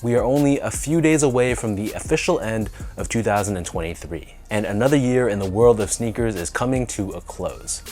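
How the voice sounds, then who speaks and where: A Canadian man hosting a sneaker review video, sounding nasal from a sinus infection, talking in a relaxed, enthusiastic way with drawn-out emphasis. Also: on the low side, soft background music. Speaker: sneaker channel host. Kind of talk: casual review talk to camera.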